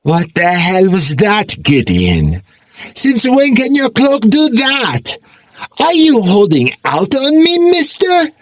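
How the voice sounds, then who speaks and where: A man's voice: very high voice, wildly swooping pitch, slow, dry recording, studio quality, voice pushed up, exaggerated voice. A male narrator voicing a flirty, teasing woman who is a huge spectral werecat, speaking lines from an audiobook. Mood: mock indignant. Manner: teasing, flirty, mock-scolding. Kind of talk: audiobook character voice.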